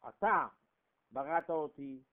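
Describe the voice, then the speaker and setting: A man preaching voices a childless woman praying, in a soft, low, murmured plea. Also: close to an everyday voice. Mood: pleading. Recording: tinny phone-like recording.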